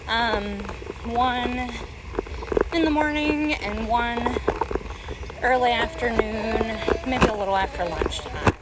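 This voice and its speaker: A woman podcaster talking casually and unscripted, musing aloud as she walks. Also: on the high side. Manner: musing aloud while walking. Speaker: podcast host and mother. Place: outdoors on a local walk. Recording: outdoor walking recording, loud ambient noise. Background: crunching dry leaves underfoot, outdoor noise.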